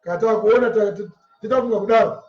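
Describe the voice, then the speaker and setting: Here a Zimbabwean preacher with a Shona accent expounds scripture one line at a time, hammering points home through repetition. His voice is high with a darkish tone, and his pace is fast. A distant mic captures him in an echoey, muffled space.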